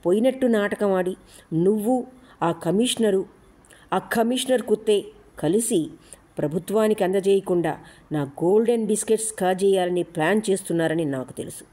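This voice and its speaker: A woman's voice: mid-range voice, dark tone, lightly acted. Woman playing a sneering gold smuggler. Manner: taunting, commanding. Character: menacing male gold smuggler, gruff and mocking.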